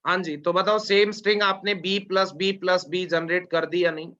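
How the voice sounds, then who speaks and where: A man teaching an online class, drawling out formulas slowly and often checking that his students follow. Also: high-pitched, fairly even intonation, fairly bright tone. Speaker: lecturer. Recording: dull lo-fi lecture audio.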